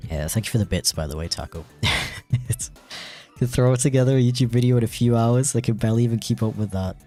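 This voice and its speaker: A man's voice: mid-range voice, quick pace, darkish tone, soft background music. A man streaming while he animates, chatting casually and rambling with a self-deprecating tone and lots of fillers. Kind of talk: casual livestream chat.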